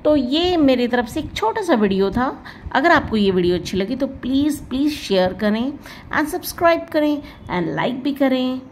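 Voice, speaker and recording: A woman teaching a pronunciation lesson, slowly drawing out example words and checking in with the viewer. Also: high voice, lively intonation, a little hiss or hum. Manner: slow and careful, drawing out example words, asks the viewer "right?". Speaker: English teacher.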